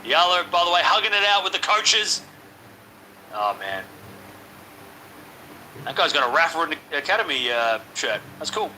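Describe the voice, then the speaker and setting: Man, live tennis watch-along streamer, high voice, excitable, talks to his chat, faint background noise. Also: moderate pace, long pauses, rough recording. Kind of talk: casual watch-along play-by-play commentary.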